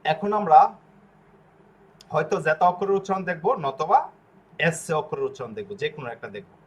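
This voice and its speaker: With lively intonation, a slightly high-voiced man teaches pronunciation, carefully spelling letters aloud and going over short syllables slowly. Bengali is his first language.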